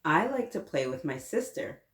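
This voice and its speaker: In a small indoor children's playroom, a woman in her thirties hosts story time, reading aloud, chatting along, and prompting the kids with lots of questions. Her low-sitting voice is very animated at a moderate pace. The mic sits a little distant, picking up roomy echo.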